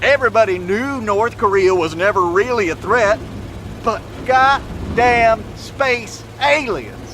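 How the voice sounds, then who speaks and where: In an audio drama, an actor plays a cocky, middle-aged doomsday prepper driving an armored truck, recording a folksy, smug and vindicated video monologue to his own camera while swearing freely. His voice sits high, animated but slow, and engine and road noise fill the moving vehicle.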